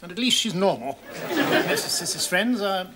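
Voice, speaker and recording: A man's voice: high-pitched, very animated, normal speed, a loud crowd, heavy background noise. A pompous aristocratic father. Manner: pompous, indignant. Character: blustering upper-class father, greedy businessman. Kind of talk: 1990s studio sitcom acting. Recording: sitcom with studio audience laughter.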